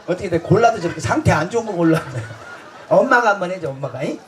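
A man's voice: sits high, expressive, fast, a little hiss or hum. A man performing festival stage comedy, boisterous and crude, bantering with the audience and laughing through his lines.

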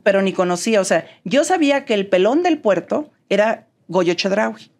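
Animated Mexican woman telling stories. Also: mid-range voice, moderate pace. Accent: neutral Mexican Spanish. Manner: animated, acts out quoted dialogue. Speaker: guest. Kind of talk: storytelling interview chat.

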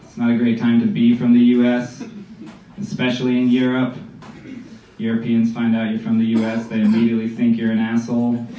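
A stand-up comedian from the United States, a man in his late twenties, delivers a dry set in a small indoor comedy club before an audience. His nasal, stuffy, medium-pitched voice is monotone, brisk and mellow. He uses a handheld mic, but the audio is a roomy phone recording made from far off in the crowd, with slight background noise and audience laughter.

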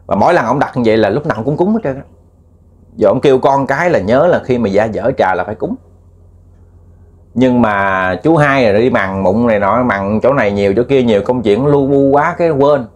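A man with a Southern Vietnamese accent telling a ghost story in a chatty, repetitive way, addressing listeners as family. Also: fairly low pitch. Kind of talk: casual spoken storytelling.

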